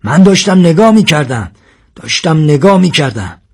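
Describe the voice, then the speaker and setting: A man voicing a half-wild male hunter who pleads shrilly and repeats his words, with a husky tone. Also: very animated, a bit bright, full character voice. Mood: frantic. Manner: repeats himself, high and shrill.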